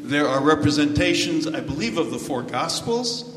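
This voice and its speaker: An older American man preaching with jokes, pausing for an interpreter in a church. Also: fairly high pitch, sing-song, fairly bright tone, slight background noise. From United States. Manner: joking, pausing for translation. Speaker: visiting preacher. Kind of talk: sermon with live interpreter. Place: large church hall. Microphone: handheld or headset mic, walking about. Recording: echoey church hall, faint ambience.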